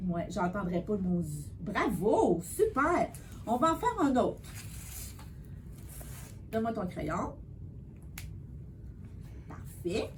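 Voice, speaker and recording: A woman tutoring a child in spelling, patient and encouraging, sounding out words slowly. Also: mid-range voice, sing-song, a little hiss or hum. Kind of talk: one-on-one spelling lesson.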